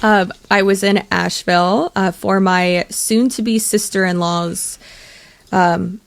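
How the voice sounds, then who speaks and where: A woman's voice: mid-range voice, steady tone, slow pace, vocal fry. A woman co-hosting a podcast in casual chat, telling stories and laughing often. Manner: chatty storyteller, laughs often. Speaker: podcast co-host.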